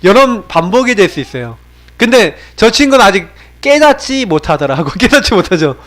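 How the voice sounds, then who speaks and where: Lively high-voiced man preaching a sermon. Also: moderate pace. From South Korea. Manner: lively, shifts from raised exhortation to low confiding tones; asks the congregation frequent rhetorical questions. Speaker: pastor. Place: church sanctuary.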